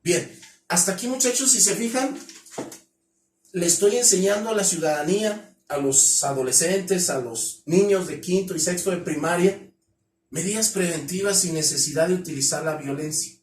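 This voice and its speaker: A Mexican man with a high-pitched voice lectures a class, stressing each point and throwing rhetorical questions at his listeners. He sounds a little distant from the mic, and the room gives his voice a noticeable echo. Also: moderate pace, slight background noise. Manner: emphatic, asks the class many rhetorical questions; acts out shouted cries for help. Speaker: criminology lecturer.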